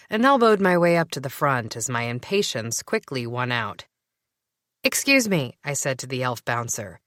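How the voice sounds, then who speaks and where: A woman narrating a first-person audiobook in a wry, expressive storytelling manner. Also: low-pitched, no room sound, clean studio sound.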